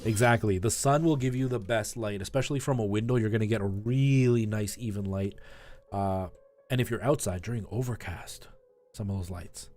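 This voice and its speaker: On a live game stream, a man chats casually and informally, rambling in asides to his viewers and offering tips. His voice is on the low side and a little mellow, his pace moderate, with faint music behind him.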